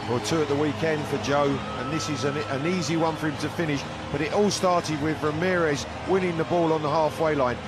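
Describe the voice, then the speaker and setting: A man's voice: a little high, fairly even intonation, moderate pace, hardly any pauses. A man working as football co-commentator, talking through a replay. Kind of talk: match analysis over a replay. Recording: clear stadium noise behind.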